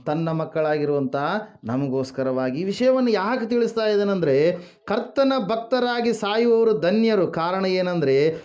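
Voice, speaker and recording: High-voiced preacher asking questions. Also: male voice, expressive, normal speed, darkish tone, dull audio. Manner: asks the congregation questions and answers them himself; calls out hallelujah and praise the Lord. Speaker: pastor. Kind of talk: sermon.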